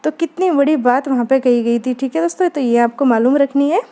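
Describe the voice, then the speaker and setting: Woman lecturer, high and mellow voice, patient explainer who keeps checking in with students. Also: brisk. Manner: explanatory, frequent "ठीक है दोस्तों" check-ins. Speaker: Hindi literature teacher. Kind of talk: exam-prep lecture.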